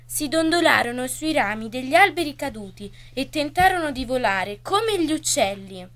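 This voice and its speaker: A woman gently reading a storybook in the first person on a radio poetry program. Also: sits high, lively intonation, normal speed.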